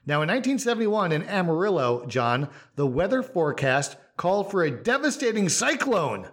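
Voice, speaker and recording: A man hosting a podcast with a somewhat high voice. He talks in a relaxed, casual way, rambling a little and restarting sentences with plenty of fillers. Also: moderate pace. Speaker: podcast host.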